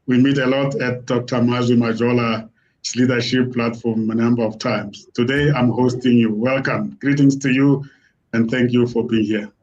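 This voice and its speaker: A man's voice: medium pitch, fairly even intonation, normal speed, lo-fi sound. A man hosting a live online interview, greeting guests effusively with many fillers. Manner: warm, effusive greetings, hesitant. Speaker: host. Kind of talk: casual interview.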